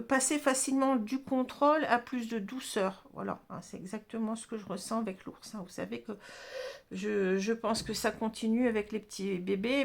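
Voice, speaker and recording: A woman giving an unscripted card reading to viewers in a gentle, reassuring way, with many hesitations and fillers. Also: on the high side, creaky. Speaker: astrology tarot reader.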